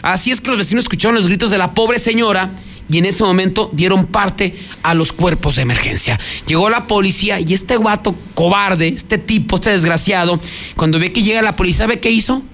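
A man's voice: sits high, brisk, creaky, a bit bright. A Mexican man hosting a talk radio news show, telling crime stories in an indignant, chatty, moralizing way.

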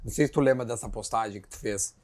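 A man from Brazil, hosting a casual interview. He talks in a relaxed, chummy way and often drops in quick words of agreement. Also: mid-range voice. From southern Brazil. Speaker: host.

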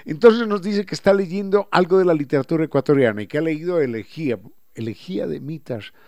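A man hosting a talk show, explaining language points in a professorial way and slowly spelling out sounds and words. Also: on the high side, a little mellow. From Ecuador. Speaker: radio host.

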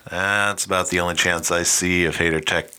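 A man's voice: low-pitched, steady tone, normal speed, sharp tone, clear, resonant tone. A man hosting a podcast, giving fantasy football matchup commentary in a wry, mock-dramatic announcing manner. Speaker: podcast host.

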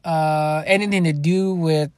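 A man's voice: a little high, steady tone, unhurried, clear, resonant tone, no echo. A man hosting a solo podcast, rambling casually with lots of swearing and restarts. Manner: rambling, profane, frequent restarts. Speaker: podcast host.

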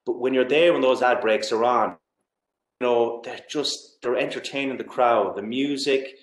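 A man's voice: mid-range voice, normal speed. A man from Galway with a west of Ireland accent, talking enthusiastically and casually about sport as a guest, often dropping in "you know". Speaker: interview guest. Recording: roomy, echoey sound.

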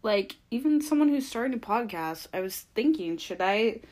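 A woman's voice: fairly high pitch, expressive, normal speed, a little mellow. A young woman giving a casual, opinionated recap as a podcaster, rambling conversationally through her points.

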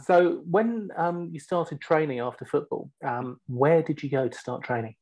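Husky-voiced teasing male co-host. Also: fairly high pitch, moderate pace, darkish tone, poor audio. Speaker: interviewer, co-host. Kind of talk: casual interview banter.

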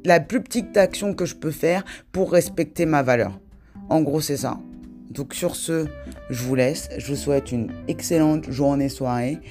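A woman hosting a casual solo podcast, talking in a reflective, hesitant way and pausing often to think. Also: deep voice, a little mellow, faint music behind. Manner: reflective, hesitant, many filler pauses. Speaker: podcast host.

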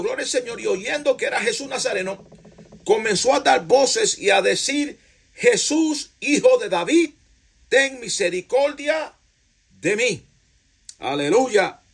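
A man's voice: high voice, gravelly, fairly bright tone, breathy edge. A male pastor preaching a fervent sermon, breaking in again and again with cries of hallelujah and glory to the Lord and calling the congregation to praise.

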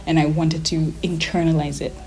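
A woman's voice: deep voice, level tone, fairly quick, darkish tone, rough recording. A woman in her thirties from Kenya with an American-sounding accent and a slight Kenyan trace, speaking reflectively and casually in an interview. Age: 30s.

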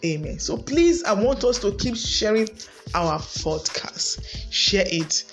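A woman's voice: mid-range voice, lively intonation, slow pace. Nigerian lady preacher on a podcast, declaring and praying with big emphasis, music playing under her.

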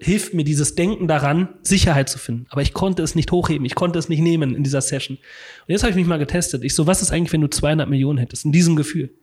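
A man with a husky, slightly higher voice tells a story in a relaxed, conversational way. He is animated, often mimicking sounds and repeating words as he goes. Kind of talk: casual storytelling.

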